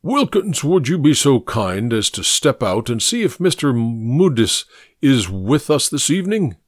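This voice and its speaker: A booming, self-satisfied fat gentleman holds court in a grand, patronizing tone, as a male audiobook reader puts him on. His voice swings widely up and down as he lectures, and the recording is close and dry. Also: big pitch swings, a little slow, no room sound. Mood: genial, patronizing. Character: fat, genial, pompous older gentleman who lectures. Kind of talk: audiobook character voice.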